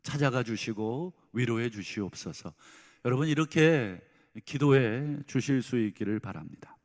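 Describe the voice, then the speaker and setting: A man's voice: mid-range voice, expressive, normal speed. Earnest middle-aged male pastor preaching. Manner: earnest, swings between soft pleading and loud emphatic bursts. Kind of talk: sermon. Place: church sanctuary. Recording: reverberant church hall.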